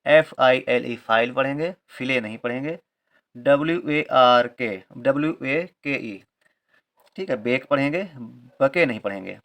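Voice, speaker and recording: A mid-range, somewhat bright male voice at a moderate pace leads a Hindi-medium English reading lesson on reading rules. The teacher is patient, spelling words letter by letter and repeating each point alongside a confirming aside.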